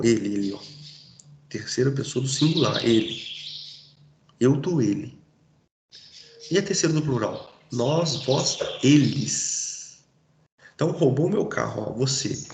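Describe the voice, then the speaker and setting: A man's voice: mid-range voice, vocal fry, darkish tone, echoey room, a little hiss or hum. A man teaching a Portuguese grammar lesson in a casual, informal way, checking in with his students often. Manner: informal, addresses students directly with frequent checks.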